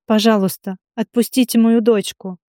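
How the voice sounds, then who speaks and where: A woman reading the lines of a frightened captive mother who pleads quietly. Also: fairly high pitch, steady tone, moderate pace, dry recording, studio quality, lightly acted. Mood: pleading.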